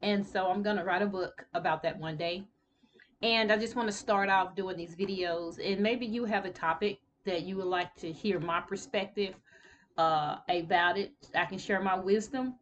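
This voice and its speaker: A woman's voice: medium pitch, lo-fi sound, a little hiss or hum. A woman in her fifties talking casually to camera, telling a personal story in an earnest, reflective way. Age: 50s. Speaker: tax preparer sharing life advice.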